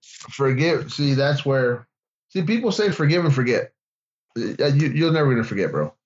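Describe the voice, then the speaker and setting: A man's voice: medium pitch, sing-song, moderate pace. A man co-hosting a faith podcast, telling a story to a friend in loose casual talk. He restarts often and calls his friend bro. His audio is a little dull and lo-fi. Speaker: podcast co-host.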